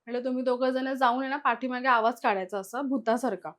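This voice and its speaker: A woman's voice: on the high side, steady tone, fast, a bit bright. A young woman guest casually retelling her own experiences, acting out the quoted dialogue of the people involved. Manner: chatty, retells events with lots of quoted dialogue. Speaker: guest sharing personal experiences. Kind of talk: casual spoken storytelling.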